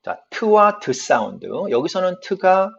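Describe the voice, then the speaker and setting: Male pronunciation teacher, husky and gravelly, animated pitch, dull lo-fi sound. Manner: explains patiently, repeats example phrases slowly. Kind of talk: online lesson.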